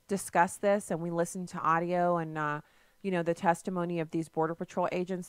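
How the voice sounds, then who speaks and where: A woman's voice: lowish voice, a bit bright, no echo, studio quality. A woman hosting a talk radio show, talking in a folksy, heated and emphatic way.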